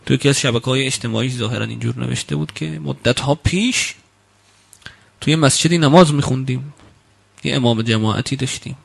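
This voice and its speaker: A man preaching a sermon, quoting Arabic sayings slowly and then explaining them, with emphatic rebukes that climb loud and high. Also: creaky.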